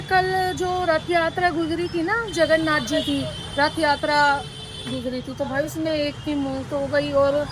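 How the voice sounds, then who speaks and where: High-voiced chatty young woman vlogger. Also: background noise. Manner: chatty and rambling, addresses viewers directly. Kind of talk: casual vlog chat.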